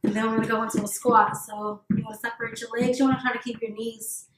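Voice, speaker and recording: A woman's voice: on the high side, little pitch movement, quick pace, very noisy. A woman trainer talking through an at-home workout in casual chat, upbeat and laughing often. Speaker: fitness trainer guest. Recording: echoey room.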